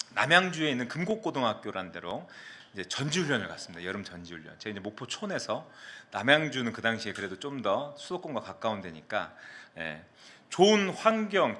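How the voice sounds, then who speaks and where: Animated, bright-voiced male pastor. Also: mid-range voice. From South Korea, Mokpo area. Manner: animated storyteller who acts out quotes. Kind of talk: sermon with personal storytelling.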